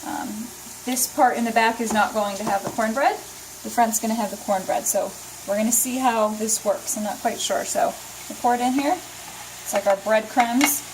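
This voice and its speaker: A woman's voice: on the high side, normal speed. A woman giving a casual, chatty cooking demonstration, explaining each step as she goes. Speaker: home cook demonstrating a recipe. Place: home kitchen. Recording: sizzling pan noise behind the voice. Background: frying and stirring sounds.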